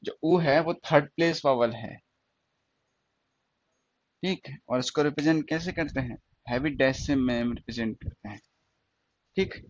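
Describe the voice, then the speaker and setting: Male shorthand tutor, slightly high-pitched, steady repetitive classroom delivery, muffled lo-fi audio. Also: no room sound. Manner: slow, repetitive explaining with questions to students. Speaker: stenography teacher. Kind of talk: classroom lesson.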